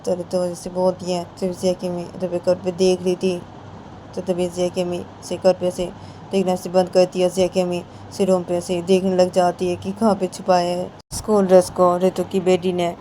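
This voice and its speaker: A woman's voice: on the low side, monotone, moderate pace, warm tone, a little hiss or hum. A woman narrating a homemade serial story in a rambling, run-on way, with many repeated fillers.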